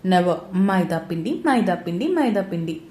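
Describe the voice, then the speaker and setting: A woman's voice: fairly low pitch, animated, normal speed, warm tone, roomy sound, lightly acted. A woman reading the part of a playful, teasing young husband in a spoken romance story. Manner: mocking, bossy teasing.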